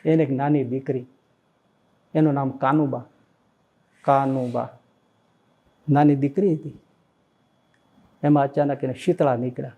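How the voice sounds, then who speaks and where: A man, a swami, giving a devotional sermon that he tells as a story, with animated and emotional exclamations. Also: mid-range voice, a little slow, long pauses, narrow, tinny audio. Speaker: swami preaching.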